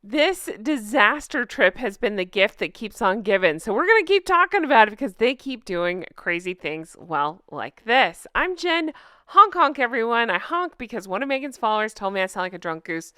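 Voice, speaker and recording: A woman hosting an online recap show with animated, casual, sarcastic and gossipy chatty commentary. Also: on the high side, normal speed, few pauses, clear, resonant tone, no echo, clean studio sound. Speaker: YouTube recap show host.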